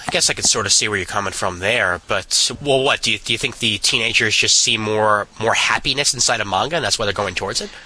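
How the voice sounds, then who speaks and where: A man's voice: on the low side, fast talker, few pauses, sharp tone, low-quality recording. A man in his twenties with a Brooklyn accent, casually hosting a podcast. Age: 20s. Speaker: podcast host.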